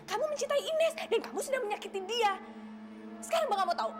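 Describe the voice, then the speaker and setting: A woman's voice: very high voice, very animated, quick pace, heavy background noise. An actress playing a distressed older sister who scolds her brother while near tears, in a TV drama. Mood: scolding tearful. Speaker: older sister figure (Mbak). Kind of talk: TV drama acting. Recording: TV drama with loud music behind.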